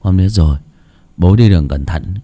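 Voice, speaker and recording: Timid boy acting grown-up, earnest, lowish, voiced by a man. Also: moderate pace, mellow.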